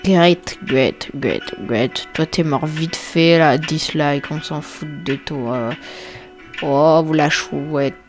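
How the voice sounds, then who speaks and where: A woman's voice: low-pitched, extremely slow, soft background music. A woman giving casual, joking, off-the-cuff commentary while ranking characters, with muttered asides. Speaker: video creator ranking characters.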